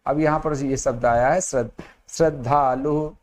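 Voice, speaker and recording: A man teaching Sanskrit grammar who explains each word in Hindi, repeats phrases, and recites verses slowly. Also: medium pitch, fairly even intonation, darkish tone. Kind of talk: slow explanatory lesson with recitation.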